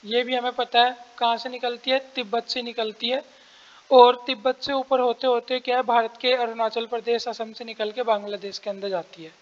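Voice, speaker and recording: Throat-clearing man teaching exam prep. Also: very high-pitched, flat delivery, normal speed, long reverb tail, dull audio. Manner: explains step by step, asks and answers his own questions; clears his throat often.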